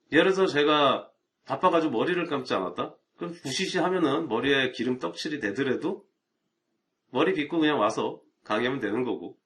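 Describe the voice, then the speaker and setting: A middle-aged man who teaches IT networking chats casually with viewers on a live stream, dropping in rhetorical asides. His voice is medium-pitched and slightly bright.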